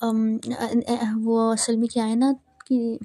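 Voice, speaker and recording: A woman's voice: fairly high pitch, completely flat delivery, slow pace, warm tone. Woman voicing a flustered scolding young bride.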